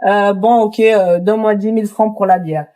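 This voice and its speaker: A woman's voice: medium pitch, steady tone, moderate pace, warm tone. A young woman who owns a restaurant, talking in a casual interview and telling her story with lots of fillers. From Congo. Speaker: restaurant owner.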